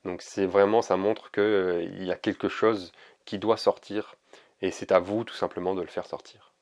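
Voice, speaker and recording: A man giving a casual oracle card reading to camera, hesitant and gentle, with many fillers and restarts. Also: sits low, little pitch movement, moderate pace.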